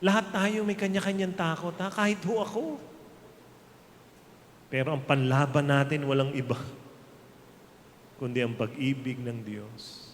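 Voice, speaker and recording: Filipino male preacher, slow emphatic delivery, slightly high voice, echoing hall, faint background hum. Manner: slow, emphatic preaching that mixes Tagalog and English, with jokes to the crowd. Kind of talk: sermon. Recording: reverberant hall, faint ambient noise.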